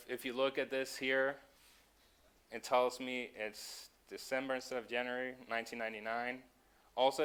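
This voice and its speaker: A man's voice: medium pitch, fairly bright tone, smooth. A man from Denmark, giving a conference talk with frequent ums and self-corrections. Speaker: conference speaker.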